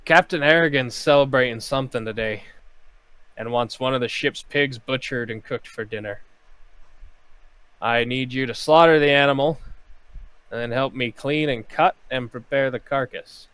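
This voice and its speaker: A man runs a tabletop game and narrates in a casual, halting way. He fills his pauses with ums. His voice sits at an average male pitch. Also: a bit bright, clean tone, dry recording. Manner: casual, hesitant with many fillers. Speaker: game master.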